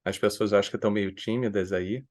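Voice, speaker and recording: A Brazilian man hosting an academic seminar Q&A, speaking in halting, hesitant phrases. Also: lowish voice, fairly even intonation. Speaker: seminar moderator.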